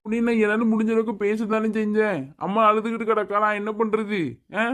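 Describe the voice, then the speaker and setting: A woman's voice: medium pitch, flat delivery, a little fast, close to an everyday voice. A woman voicing a young groom caught between his mother and bride in a cartoon. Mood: helpless. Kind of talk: cartoon voice acting.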